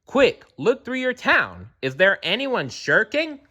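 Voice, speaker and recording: Gentle big elephant, guy reading it out, earnest and warm-hearted, bit raised and bouncy. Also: high-pitched, huge pitch swings, slow, dull audio, pitched above the performer's own voice, exaggerated voice. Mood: anxious. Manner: earnest, encouraging.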